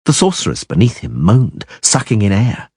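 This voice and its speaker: A man's voice: on the low side, huge pitch swings, normal speed, dark tone, slightly rough, no room sound, clean studio sound. A man reading a fantasy audiobook aloud in dramatic narration, leaning hard on action words. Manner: emphatic, swelling on action words.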